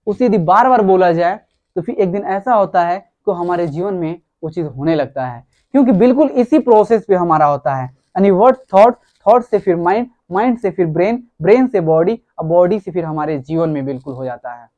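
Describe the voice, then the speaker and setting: A man's voice: sits high, expressive, moderate pace, warm tone, dull audio. A man giving a motivational talk who speaks emphatically, repeats his key words and calls his listeners friends.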